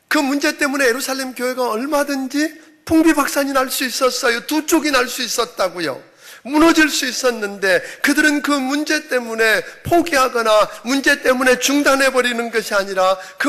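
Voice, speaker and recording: A man's voice: very high voice, pushed and bright. A middle-aged man preaching a sermon as senior pastor, emphatic, often acting out quoted voices.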